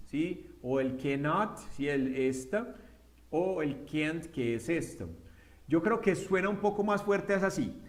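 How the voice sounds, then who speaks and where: A man teaching an English grammar lesson step by step, often checking in with a quick question. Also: a little high. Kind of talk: recorded classroom lesson. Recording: echoey room.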